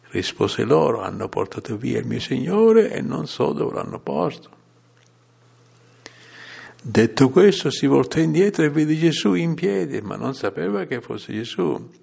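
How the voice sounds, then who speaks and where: Man, sermon, solemn measured scripture reading, gravelly fry, husky tone. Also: mid-range voice. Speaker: preacher.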